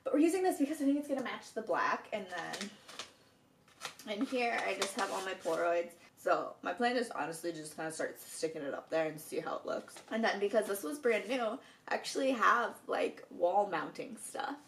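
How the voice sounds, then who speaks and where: A woman's voice: mid-range voice, animated, normal speed, a little hiss or hum. A young woman from Minnesota vlogging at home, chatting casually and giggling, with a froggy morning voice. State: morning voice, just woke. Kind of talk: casual chat to camera. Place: at home, indoors. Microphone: camera on a stand.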